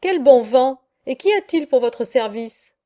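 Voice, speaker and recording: A woman's voice: high voice, expressive, dark tone. Saint Peter, a genial old gatekeeper, voiced by a woman. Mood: welcoming. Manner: genial, fatherly, unhurried.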